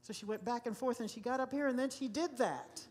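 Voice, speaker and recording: A woman's voice: fairly high pitch, fairly quick, darkish tone. A woman pastor preaching a sermon to a congregation in a church, emphatic and given to repeating key phrases. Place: church sanctuary.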